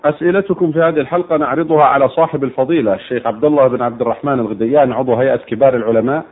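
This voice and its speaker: A man hosts a radio program in formal standard Arabic. His delivery is quick and ceremonious, with courteous religious phrasing. The sound is thin and band-limited, like an old radio broadcast. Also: medium pitch, phone-quality sound, slight background noise.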